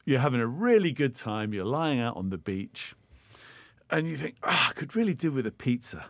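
A man co-hosting a casual podcast, explaining things in a rambling, halting way. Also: mid-range voice, sing-song, no room sound. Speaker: podcast co-host. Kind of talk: casual chat.

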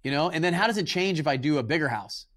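A man hosting a podcast, talking in a relaxed, rambling way and acting out his conversations with tradesmen. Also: a little high, fast talker. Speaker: podcast host. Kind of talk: casual interview chat.

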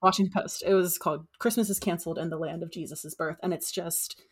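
A woman co-hosting a casual podcast, speaking in a measured, thoughtful way with frequent ums. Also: lowish voice, steady tone, husky. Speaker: podcast co-host. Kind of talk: casual chat.

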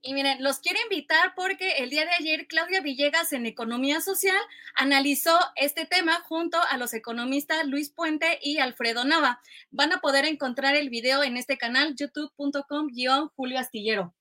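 A woman's voice: sits high, normal speed, pushed and bright. A woman hosting a news programme, addressing the audience directly. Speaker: news host.

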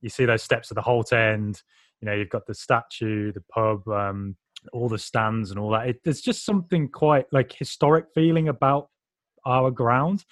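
A man's voice: mid-range voice, normal speed, no room sound, clean studio sound. Man hosting a chatty interview. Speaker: podcast host. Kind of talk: casual interview chat.

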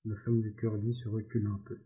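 A man reading a novel aloud as an audiobook, measured with small stumbles, on a slightly dull recording. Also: lowish voice, monotone, mellow. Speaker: reader.

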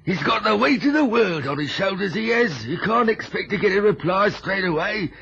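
A man's voice: high-pitched, expressive, moderate pace, vocal fry, sharp tone, husky, exaggerated voice. An actor playing a bullying older male union doorman with a Cockney accent in a vintage radio drama. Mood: sneering. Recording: dull lo-fi old radio recording.

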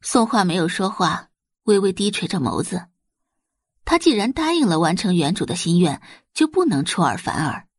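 A woman reads a scripted audio drama with expressive delivery, her pitch moving widely and her tone slightly husky. She keeps a moderate pace, and the recording is very dry with no echo.

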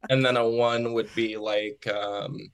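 A man's voice: medium pitch, fairly bright tone, smooth. A man chatting as a podcast guest over a remote call, rambling with lots of fillers and frequent laughs. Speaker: podcast guest, comedian and filmmaker. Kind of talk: casual interview chat. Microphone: remote call recording.

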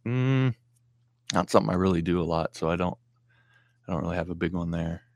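A man's voice: deep voice, brisk, creaky, darkish tone, dry recording, clean studio sound. A man hosting a casual live stream Q&A, reading viewer comments aloud and answering with blunt, practical advice, full of fillers and restarts.

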